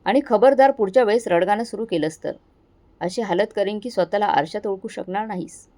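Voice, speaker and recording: A woman voicing a cruel, angry young husband in a storybook tale, speaking in sharp commands. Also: medium pitch, fairly quick, natural voice. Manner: shouting, commanding.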